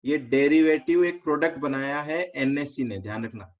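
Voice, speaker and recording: An expressive man with an Indian accent and a voice on the high side teaches finance in an online class. He takes students through each step, tests them with quick questions, and drops English terms into his explanations. The lo-fi recording sounds slightly dull.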